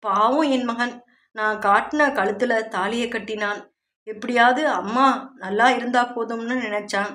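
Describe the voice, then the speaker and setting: A woman's voice: a little high, moderate pace, natural voice. A woman doing a wailing, hot-tempered mother-in-law. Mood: lamenting. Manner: loud, lamenting, complaining.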